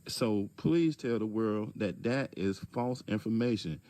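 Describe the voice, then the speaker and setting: A man speaking calmly but pointedly in direct-address video commentary, asking rhetorical questions, with features. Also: on the low side, unhurried, no room sound. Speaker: commentator addressing a public figure.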